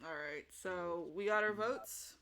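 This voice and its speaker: A woman's voice: lowish voice, slow pace, a crowd in the background. A woman hosting a casual online fan panel game, rambling and laughing as she talks. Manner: rambling, laughing, self-correcting. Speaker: game host. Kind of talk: casual chat on a livestream panel.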